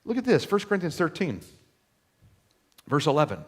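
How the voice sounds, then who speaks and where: A man preaching a sermon in a church, folksy and animated, acting out little quoted voices and repeating words as he starts a thought. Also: on the high side, moderate pace, breathy edge. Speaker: pastor. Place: church sanctuary.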